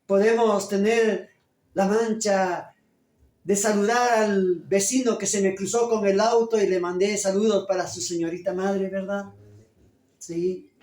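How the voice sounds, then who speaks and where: A man's voice: sits high, fairly even intonation, measured pace, a little mellow. An older man preaching a sermon as pastor, emphatic and often putting questions to his congregation. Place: church hall. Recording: roomy church hall echo.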